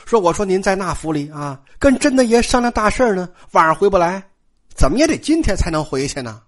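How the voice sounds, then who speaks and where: A man's voice: high voice, heavily acted. A man doing a glib gossiping young servant. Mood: eager. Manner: chatty and flattering, talks fast.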